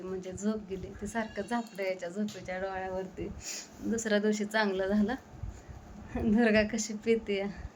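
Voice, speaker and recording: A young woman talks casually at home in a tired, breathless, low-key way. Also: slight background noise. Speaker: vlogger. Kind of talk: casual home vlog chat. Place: home kitchen.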